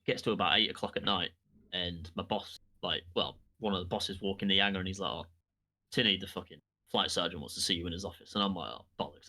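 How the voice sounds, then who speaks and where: A man's voice: deep voice, pushed and bright. A young man on a podcast, telling a long anecdote in casual chat, swearing often and acting out what people said. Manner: sweary, rambling anecdotes with acted-out quotes. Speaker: podcast co-host.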